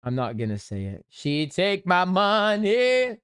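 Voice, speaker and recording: Joking with his chat, rambling and bursting into song, a young man hosts a casual crypto trading livestream with a slightly lost, somewhat worn voice. He sounds high, a bit bright and smooth, his pitch swooping wildly as he takes his time. The recording is dry and studio quality.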